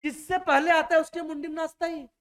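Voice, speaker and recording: In a classroom, a man teaches a Hindi exam-prep lecture, repeating each point and constantly checking that his students are following. His very high voice is flat, quick and a bit bright.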